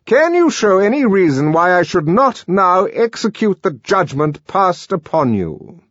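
A man's voice: high voice, big pitch swings, a little slow, fairly bright tone, dry recording, lo-fi sound, pitched above the performer's own voice, exaggerated voice. A man playing a pompous male official who condemns someone in a grand, declaiming voice. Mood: stern.

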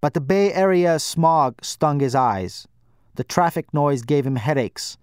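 A man narrating a first-person audiobook in a measured, wry storytelling manner. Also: a little high, clean tone, no room sound, clean studio sound.

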